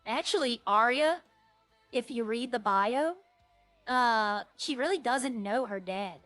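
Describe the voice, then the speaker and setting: Taking it slowly, a woman with a fairly high, somewhat bright voice chats loosely and informally with her viewers while streaming a game, rambling as she goes. Music runs beneath her voice in a slightly dry recording with no echo.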